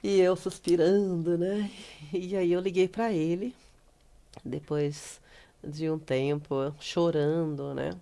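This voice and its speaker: A woman's voice: lowish voice, steady tone, slow, warm tone. A middle-aged woman with a Brazilian Portuguese accent, a podcast guest sharing a personal story with feeling, acting out conversations and often laughing. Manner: heartfelt, re-enacts dialogue, breaks into laughter. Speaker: guest, writer and speaker.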